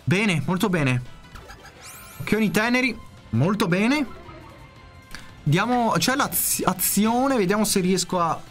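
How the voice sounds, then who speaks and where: A man commentating his own video game play in casual speech, excitable, swearing often and yelping in sudden outbursts. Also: high-pitched, takes it slowly, pauses often, soft background music.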